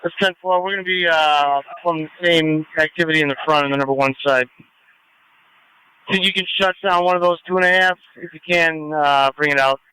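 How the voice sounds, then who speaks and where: A man's voice: fairly high pitch, fairly even intonation, fairly quick, pushed and bright, clean tone, rough recording. A man working as a fire incident commander, giving directive instructions over a two-way radio. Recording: live fire scanner radio transmission.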